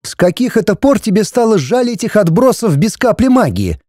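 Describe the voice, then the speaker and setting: A scornful, high-handed noblewoman, put on by a man reading a story. Her voice sits high and shrill and swings widely, with a dismissive, indignant edge. The recording is dry and close. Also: big pitch swings, normal speed, mellow, no room sound. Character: haughty scornful aristocratic wife and mother.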